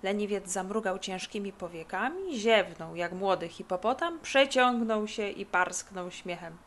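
A woman narrating a children's book in a lively, expressive way. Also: mid-range voice, unhurried. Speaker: audiobook reader.

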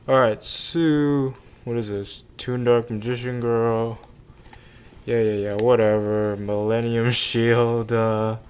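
A man's voice: medium pitch, steady tone, slow, darkish tone, clear, resonant tone. A man doing laid-back, slangy unboxing commentary as a YouTube host, often muttering to himself. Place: carpeted room at home.

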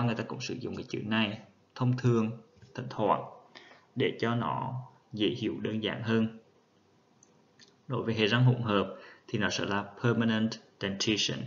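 A man giving a methodical, patient lecture on dental terminology, spelling out each term step by step. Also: fairly low pitch. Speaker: dental instructor. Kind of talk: explanatory lecture. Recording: dull lo-fi recording.

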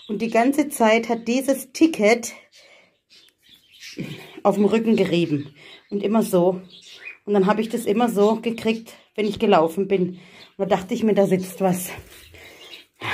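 A woman's voice: medium pitch, normal speed, pauses often, a little mellow, a little hiss or hum. A woman from Germany vlogging outdoors in a hot village yard, chatting to viewers and coaxing her animals with pet names. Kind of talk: casual vlog talking to viewers and animals.

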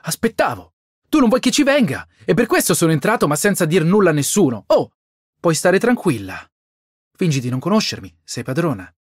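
A man's voice: fairly high pitch, sing-song, fairly quick, breathy edge, no room sound, clean studio sound. A man reading an audiobook and voicing a dramatic seventeen-year-old boy who pleads and weeps over his troubles. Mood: sly. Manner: pleading, tearful, theatrical outbursts.

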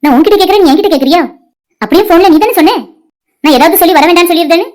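A woman voicing a caring young wife in a cartoon, earnest and quick to scold. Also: extremely high pitch, darkish tone. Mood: reproachful.

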